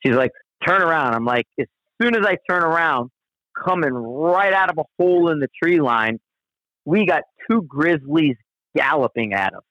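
Man telling a rambling story, slightly high voice. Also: expressive, normal speed, fairly bright tone, dry recording. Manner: rambling, profane, frequent restarts. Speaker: guest storyteller. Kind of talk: casual spoken anecdote. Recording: dull, dry lo-fi recording.

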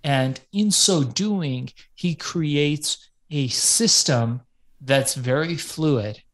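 A man's voice: a little high, drawn-out words. A man from Iran, a guest on an interview, talking in a reflective, casual way and swearing now and then. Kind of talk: podcast interview.

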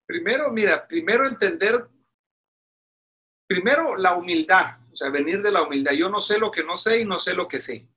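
Middle-aged pastor from Guatemala, bright husky voice, earnest preacherly interview guest. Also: male voice, high voice, animated, moderate pace. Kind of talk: casual interview talk.

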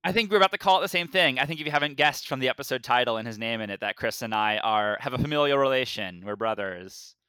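Guy co-hosting a podcast, dry jokes, crisp bright voice, no room sound. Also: medium pitch, fast, few pauses, dry recording. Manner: dry joking, relaxed storytelling. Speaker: podcast co-host. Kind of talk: casual podcast chat, episode recap.

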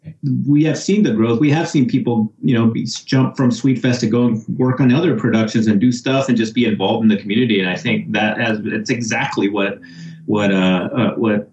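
A man's voice: lowish voice, a little fast, darkish tone. Guy rambling earnestly w lots of ums, kinda echoey room, muffled lo-fi sound. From Fresno, California. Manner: earnest, rambling, many fillers. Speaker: podcast guest, festival organizer. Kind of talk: casual podcast chat. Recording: roomy and dull, lo-fi.

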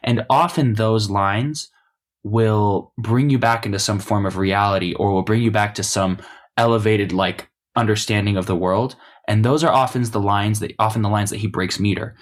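A man's voice: lowish voice, moderate pace. A young man answering in a class discussion, casual and enthusiastic, with lots of fillers. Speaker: student.

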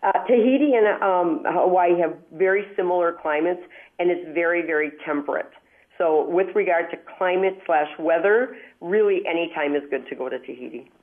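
Brief: woman host on a speakerphone, tinny phone-line sound, lowish voice, chatty and eager to explain. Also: moderate pace. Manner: chatty, upbeat, explains at length. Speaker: travel show host. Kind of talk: call-in radio advice. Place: hotel room far from studio, calling in.

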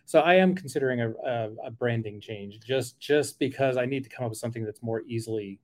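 Fast-talking male guest, dry humor. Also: medium pitch. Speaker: guest author. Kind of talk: casual interview chat.

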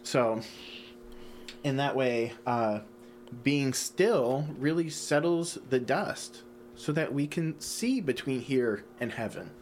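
A man's voice: mid-range voice, animated, slow, a little mellow, slight background noise. Earnest man explaining spiritual ideas. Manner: earnest, explanatory, many "you know" fillers. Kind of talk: spiritual discussion.

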